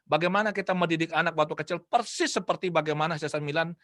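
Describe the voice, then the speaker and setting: Middle-aged man, parenting speaker on a video call, animated storyteller, a bit higher voice, dry close sound. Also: quick pace, no room sound. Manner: animated storyteller, acts out a mother and child in dialogue.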